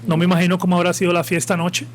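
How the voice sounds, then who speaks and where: A man's voice: high voice, monotone, rapid-fire, over music. A man with a Colombian Caribbean coast accent, talking as a guest on a live podcast in an impassioned, opinionated, rambling way. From Colombia, Caribbean coast (Santa Marta). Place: live podcast event with audience.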